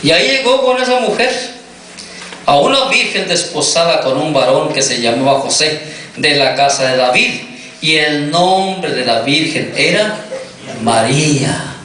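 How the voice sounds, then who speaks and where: A man's voice: fairly high pitch, expressive, measured pace, pushed and bright, slight background noise. A male pastor preaching a sermon, often asking his congregation questions as he goes. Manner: questions the congregation, repeats "me entiendes". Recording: echoey hall, distant mic.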